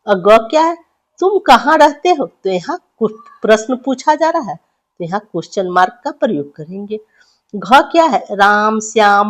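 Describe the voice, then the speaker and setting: A woman teaching grammar to schoolchildren, who asks questions and answers them herself and repeats phrases. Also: a little high. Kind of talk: classroom grammar lesson for children.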